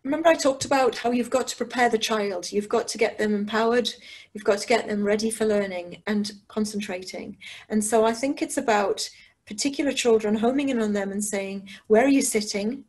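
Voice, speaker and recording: A woman speaks in a husky, slightly breathy voice. She talks through a training webinar for teachers in a conversational way, thinking aloud with ums and small restarts. Her pitch sits in a middle range. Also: brisk, a little mellow. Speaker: educational psychologist presenting a webinar.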